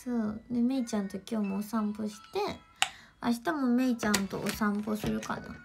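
A woman's voice: medium pitch, fairly even intonation, normal speed, creaky, over music. A young woman with a Kansai accent chatting casually on a home livestream, giggling often and answering viewers' greetings. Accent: Kansai Japanese.

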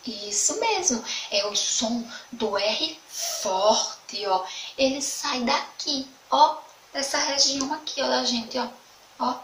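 A woman teacher with a Sergipe Brazilian accent gives an online lesson to young children, speaking in a slow, sing-song way and repeating words. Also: high voice, a bit bright. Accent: Sergipe Brazilian Portuguese. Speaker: primary school teacher. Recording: echoey room, mic at a distance, faint background noise.

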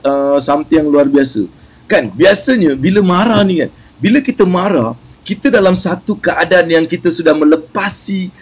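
Husky Malaysian man, chatty and playful. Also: fairly high pitch. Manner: chatty and playful, often laughing, mixing in English. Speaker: business motivational speaker. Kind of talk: casual live-streamed business talk.

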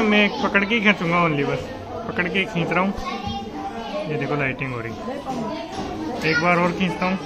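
A young man filming a casual family vlog, chatting and teasing children loudly as he goes. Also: high-pitched. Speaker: vlogger.

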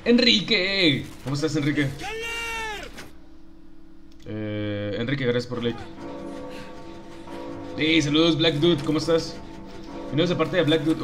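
A young man with a Mexican accent streaming a game, chatting casually in slang and greeting viewers by name. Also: a little high. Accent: Mexican Spanish. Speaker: gaming streamer. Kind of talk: casual livestream chat while gaming.

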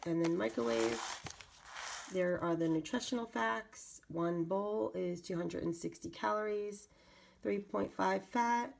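A woman hosting a casual unboxing video, with a raspy voice congested from a cold, pausing as she reads and comments. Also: on the low side, darkish tone. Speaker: video channel host. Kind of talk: casual product unboxing narration.

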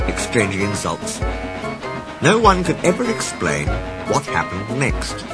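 A man narrating a children's storybook in an expressive, playful way. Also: mid-range voice. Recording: reading with background music.

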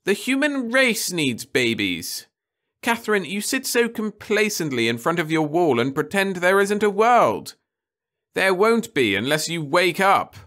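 In a read-aloud story, a man voices a firm, insistent middle-aged mother, pitching above his own voice in an exaggerated, slightly bright tone with big pitch swings at a measured pace. She urgently speaks in a raised voice that rises and falls with feeling, earnest and unbending.

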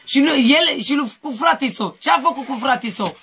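A man with a very high, sharp, piercing voice rambles through a street interview. He pleads in circles and repeats the same questions again and again. He grew up in Mehedinți. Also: vocal fry, slight background noise. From Mehedinți, Romania.

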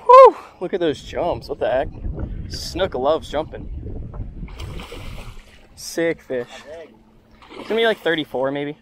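A man's voice: a little high, takes it slowly, long pauses. A young man vlogging a fishing trip from a small boat, chatting and cheering in slang, recorded on a hat-mounted action camera. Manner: excited, slangy, shouting at the fish. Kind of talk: casual fishing vlog chat. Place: small open boat on the water, outdoors. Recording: wind and water noise on a boat.

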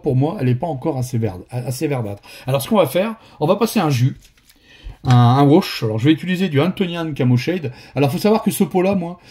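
Speaking with the Ch'ti accent of northern France, this man gives a relaxed painting lesson that wanders, full of fillers and false starts but friendly throughout. His pitch is medium, and his tone is dark and husky.

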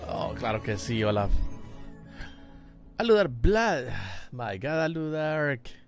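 A man's voice: fairly high pitch, very animated, slow. A middle-aged man from El Salvador streaming a fighting game from home, chatting casually and greeting viewers by name through a headset mic. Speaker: gaming streamer. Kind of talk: casual live-stream commentary. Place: home gaming room, indoors. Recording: game music loud behind the voice. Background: game music and sound effects.

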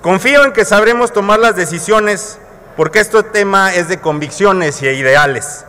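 A man's voice: high-pitched, moderate pace, pushed and bright. A man in his thirties with a Mexican Spanish accent, giving a parliamentary floor speech at a podium microphone in a large legislative chamber, colloquial and full of rhetorical questions to his colleagues. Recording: long reverb of a large hall.

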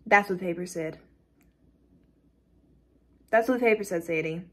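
A woman's voice: on the low side, normal speed, a bit bright. A woman voicing a curious young woman who keeps pressing with questions, reading a dramatic script. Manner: questioning, prodding, incredulous.

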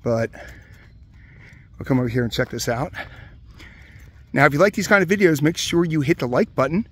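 A man from the Hershey area of Pennsylvania walking through a closed amusement park outdoors, giving relaxed, casual commentary with many "uh"s into a handheld camera. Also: on the high side, normal speed, breathy edge. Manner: relaxed, chatty, many "uh" fillers. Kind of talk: casual walk-around commentary.

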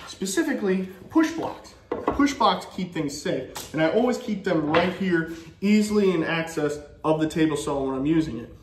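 A man's voice: a little high, expressive, normal speed, slight background noise. Thirties male workshop host, practical and joking, recorded in an echoey shop. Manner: folksy, practical, joking asides. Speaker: woodworking channel host. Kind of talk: casual how-to demonstration. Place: home woodworking shop, indoors. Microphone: camera-mounted, filmed at arm's length and from a tripod.

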